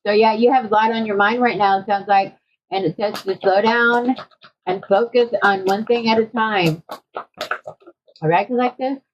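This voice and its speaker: A woman reading tarot cards for her viewers in a casual, conversational way, often checking in with a quick "okay?". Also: mid-range voice, fairly even intonation, slight background noise. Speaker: tarot card reader. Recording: dull lo-fi audio.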